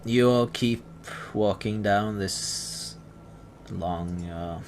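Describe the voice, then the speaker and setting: A man's voice: fairly low pitch, very slow. A man narrating a tabletop game as game master, hesitant with many fillers and restarts. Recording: steady background noise.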